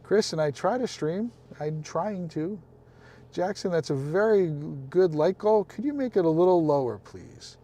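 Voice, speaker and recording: Male streamer, slightly high voice, casual chat with viewers, talks to people by name. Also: expressive, measured pace, mellow. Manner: chatty, addresses viewers by name, apologetic asides. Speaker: live streamer.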